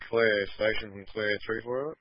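A man reporting in over a walkie-talkie radio, in flat, procedural radio call style. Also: lowish voice, a little fast, no room sound. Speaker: fire crew radio operator. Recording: muffled lo-fi dry radio.

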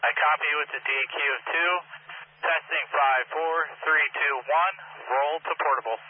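A man's voice: a little high, fairly even intonation, a little slow. A man answering a radio check over walkie-talkie with clipped, repeated call signs and procedural phrases. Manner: clipped, repetitive call-sign delivery. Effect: two-way radio transmission. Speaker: radio operator answering test calls. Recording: tinny walkie-talkie link with faint static.

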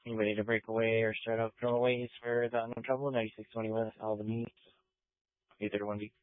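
A male police dispatcher reading out radio calls in clipped, rapid call codes over a police radio transmission. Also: lowish voice, level tone, dry recording. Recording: tinny narrowband radio, dry.

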